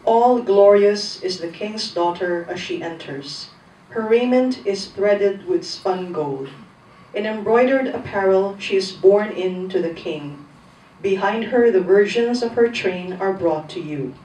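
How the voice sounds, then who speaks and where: A woman reading scripture aloud as a lector at Mass, in a deliberate, formal recitation. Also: medium pitch, warm tone. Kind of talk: scripture reading and responsorial psalm. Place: large church interior. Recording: echoey church, distant mic, faint noise.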